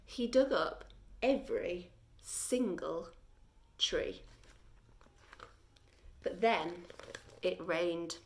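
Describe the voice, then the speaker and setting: With a fairly low-pitched voice, a woman reads a children's story aloud the way a teacher would, deliberate and expressive, with dramatic pauses.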